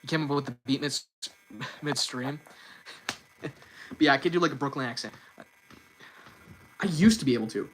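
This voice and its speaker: A young man hosting a casual live stream, talking fast and often repeating and restarting his words. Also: a little high, a little hiss or hum, low-quality recording. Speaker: livestream host.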